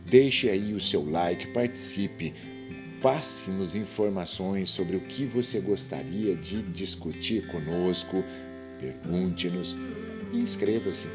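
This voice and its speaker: A man's voice: deep voice, takes it slowly, music in the background. A man with a Brazilian accent giving a grammar lesson, quizzing the viewer and explaining each answer. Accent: Brazilian Portuguese. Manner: questions and quizzes the viewer, rising and falling emphatically. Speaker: Portuguese grammar teacher.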